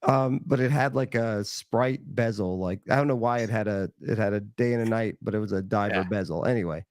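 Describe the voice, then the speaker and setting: A man's voice: on the low side, brisk, darkish tone, dry recording, clean studio sound. A man chatting casually as a guest, easygoing and a bit hesitant, with lots of "like" and restarts. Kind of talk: casual chat.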